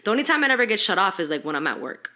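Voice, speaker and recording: A young woman chatting casually and candidly as a podcast guest, animated, slangy and swearing freely. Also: medium pitch, racing, crowd noise.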